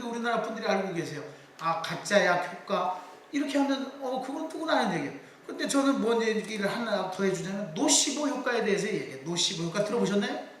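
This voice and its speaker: Middle-aged male lecturer, high voice, lively asides, heard from a distance in a very echoey hall. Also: slight background noise. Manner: animated storytelling with quick asides to the audience. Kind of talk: public lecture.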